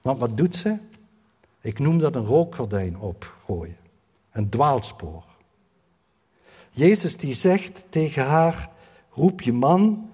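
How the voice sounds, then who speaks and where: A man preaching a sermon earnestly, hammering points through repetition and often pausing on fillers. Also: mid-range voice, sing-song, warm tone, husky. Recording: long hall reverb.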